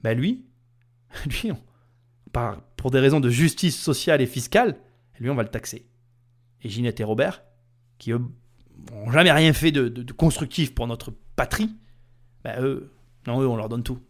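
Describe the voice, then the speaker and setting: A man's voice: mid-range voice, lively intonation, moderate pace, long pauses. A man hosting a podcast, heated and indignant, talking straight to the listener. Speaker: podcast host. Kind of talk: ranting podcast commentary.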